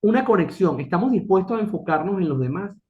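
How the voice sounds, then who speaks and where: A man's voice: high-pitched, animated, fast talker. A middle-aged man giving an earnest motivational talk as a business consultant, asking rhetorical questions and repeating key phrases. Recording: dull lo-fi recording.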